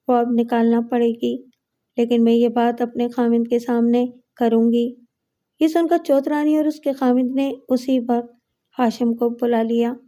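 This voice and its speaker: A woman narrates a moral story at a steady, measured pace. Her voice is very dark and mellow and sits slightly high. It is a scripted, read-aloud storytelling delivery.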